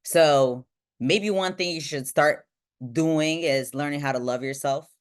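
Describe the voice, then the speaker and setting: Speaking to a video-call group, this woman from Bulgaria, a team trainer and motivational speaker, gives an energetic pep talk in an unhurried, clear, resonant voice. Nearly each point ends in "right?" as her voice rises and falls.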